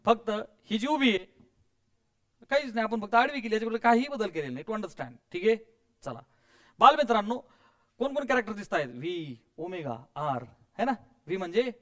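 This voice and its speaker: A man with a high-sitting voice teaches physics to a class, coaxing and quizzing the students. He mixes in English terms and adds playful sound effects.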